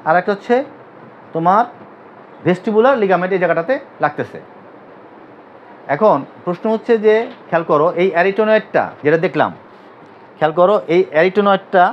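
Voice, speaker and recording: This physiotherapy teacher from Bangladesh leads an anatomy lesson, asking his students to echo terms back and pressing them with repeated questions. He has a high voice. A little hiss or hum runs through the dull, lo-fi audio.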